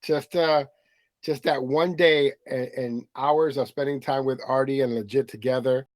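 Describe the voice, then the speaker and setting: A man's voice: mid-range voice, steady tone, unhurried, no echo. A man hosting a podcast, asking questions in a casual chat with many fillers and restarts. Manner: hesitant, filler-heavy questioner. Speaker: podcast host.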